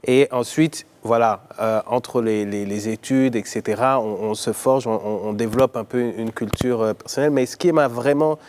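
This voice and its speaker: A man from Congo, raised in Belgium and Ivory Coast, speaking as an entrepreneur guest on a talk show in a measured, thoughtful way with frequent hesitations. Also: medium pitch, darkish tone, clean tone.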